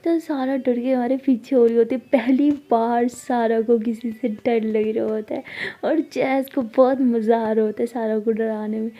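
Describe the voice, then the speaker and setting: A woman narrating a love story in a chatty, expressive way. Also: a little high, moderate pace.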